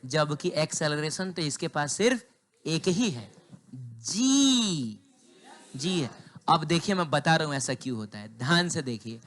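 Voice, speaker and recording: A man's voice: on the high side, lively intonation, normal speed, fairly bright tone. A man teaching a physics class in with a sore throat, asking questions and answering them himself and joking with the students.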